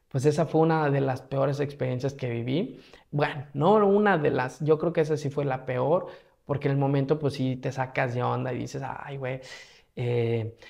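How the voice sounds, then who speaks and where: With a medium-pitched, gravelly voice and a Mexican Spanish accent, this Mexican man narrates casually as a travel vlogger. He's animated and slangy, dramatizing his own reactions along the way.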